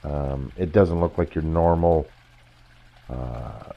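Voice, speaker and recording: An older man with a cold-roughened voice gives a casual, halting review of fish food for his pond, with his voice breaking upward now and then. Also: rumbling low. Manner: halting, pauses mid-sentence to find words. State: hoarse from a cold, voice cracking upward. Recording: dull lo-fi, dry sound.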